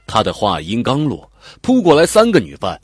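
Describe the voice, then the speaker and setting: A man's voice: mid-range voice, wildly swooping pitch, moderate pace, breathy edge, dry recording. A man narrating a dramatic audiobook, telling the story vividly and expressively. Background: faint background music.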